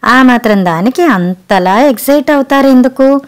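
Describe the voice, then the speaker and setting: A woman's voice: high voice, animated, moderate pace. A woman voicing a tired housewife who complains about her husband in a storybook reading. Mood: plaintive. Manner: complaining, plaintive. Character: harried housewife, weary and put-upon.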